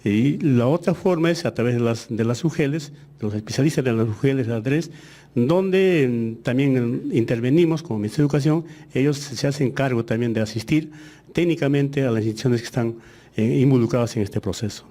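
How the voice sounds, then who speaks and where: This man, a native Aymara speaker, responds to interview questions as a ministry official, choosing his words slowly and hesitating a lot. His voice is warm and pitched in the middle range.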